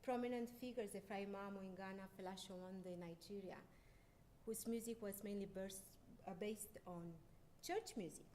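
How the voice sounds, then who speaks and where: A woman's voice: fairly even intonation, moderate pace, mellow. A middle-aged woman from Romania, a concert pianist, giving a lecture with frequent fillers and restarts. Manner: hesitant, many fillers and restarts. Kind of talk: lecture presentation. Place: lecture hall. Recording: faint background noise and rumble.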